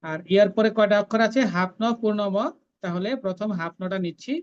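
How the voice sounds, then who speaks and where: A woman teaching a scripture recitation class, chanting each verse slowly and then explaining how to pronounce it. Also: medium pitch, steady tone, a little mellow, clean tone, highs cut off.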